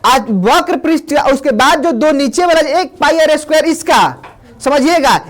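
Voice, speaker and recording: A physics teacher in a classroom, dictating definitions slowly and repeating phrases, quizzing the class and calling students friend. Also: high-pitched. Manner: asks the class questions and calls them friend.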